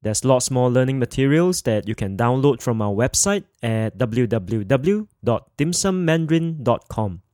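A man teaching a podcast language lesson, speaking clearly and slowing down to repeat words for learners. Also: medium pitch, lively intonation, a little mellow, dry recording, clean studio sound. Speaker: Mandarin teacher.

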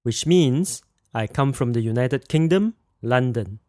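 A man teaching a language lesson in a clear, explanatory scripted narration, saying example phrases slowly. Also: medium pitch, expressive, mellow, no echo, clean studio sound.

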